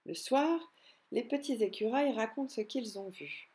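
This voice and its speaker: Brief: woman storyteller, clear and expressive, fairly high voice, reading a picture book to children. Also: moderate pace. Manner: clear, expressive read-aloud.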